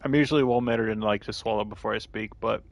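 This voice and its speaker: A man's voice: fairly low pitch, steady tone, quick pace, gravelly. A young man casually chatting and swearing while streaming a game, eating as he talks. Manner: rambling, swears freely, talks with mouth full. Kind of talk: casual livestream chat.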